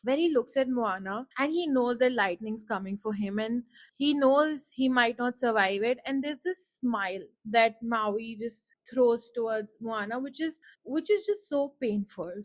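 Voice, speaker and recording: Reflective woman podcaster, higher voice. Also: measured pace, dry recording. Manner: emotional, reflective, rambling with fillers. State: choked up, close to tears. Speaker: podcast host. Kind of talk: casual solo podcast talk.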